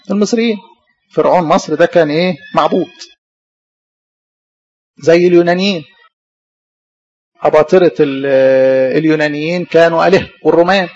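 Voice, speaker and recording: A man with a gravelly, husky, somewhat high voice and an Egyptian Arabic accent preaches a sermon. He keeps posing questions to the congregation and answering them himself. The recording is dull and lo-fi.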